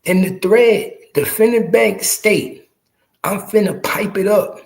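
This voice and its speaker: A man in his early forties who hosts a podcast speaks slowly in a high-pitched, creaky voice. He gives his viewers emphatic, profane, slang-filled street commentary, repeating phrases to make them land.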